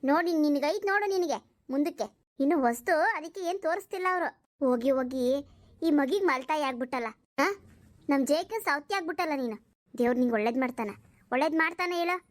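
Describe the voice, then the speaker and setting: A woman's voice: high-pitched, expressive, quick pace, dry recording, studio quality. Woman voicing blunt scolding village women. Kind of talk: cartoon voice acting.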